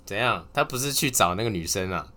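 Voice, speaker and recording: A man talks alone on his podcast, his pitch jumping up and down a lot. His voice is bright and forward. He moves from sincere advice to corny jokes that he laughs at himself. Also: lively intonation, a little fast. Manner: earnest advice, then telling corny jokes and laughing at them. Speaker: podcast host. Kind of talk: casual solo podcast talk.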